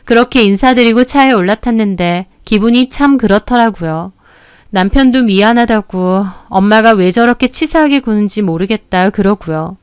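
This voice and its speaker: A woman narrating a first-person family story in a calm, measured way, close to the mic. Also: medium pitch, clear, resonant tone, no room sound. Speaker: storyteller narrating as daughter-in-law.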